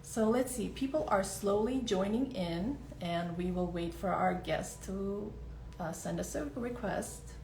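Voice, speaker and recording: A woman with a mid-range, slightly mellow voice and some vocal fry speaks at an unhurried pace. She's a podcast host running a live online interview, staying friendly and upbeat and filling the wait for her guest with casual small talk. The room is echoey, with faint noise in the background.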